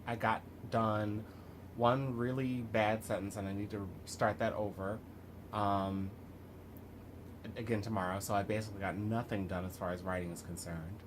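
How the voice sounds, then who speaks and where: A man speaks in a fairly low voice with a lisp caused by the retainer he is wearing. He rambles haltingly, as if thinking aloud in a casual video diary. Background noise is clearly audible behind him. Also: steady tone. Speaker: vlogger and writer.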